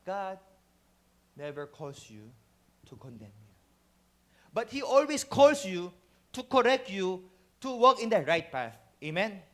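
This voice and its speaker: A pastor delivers an animated sermon in a high, swooping voice. He jumps between two languages and acts out small scenes, asking the room for an "Amen" along the way. It sounds like a church service. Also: slow pace, pauses often. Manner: animated preaching, switching between two languages, acting out dialogues; asks the congregation "Amen?".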